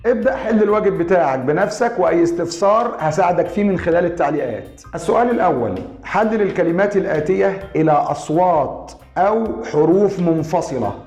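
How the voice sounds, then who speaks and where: A man with an Egyptian Arabic accent giving an online grammar lesson, explaining step by step and spelling out syllables slowly. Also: high-pitched, lively intonation, a little mellow, echoey room, soft background music.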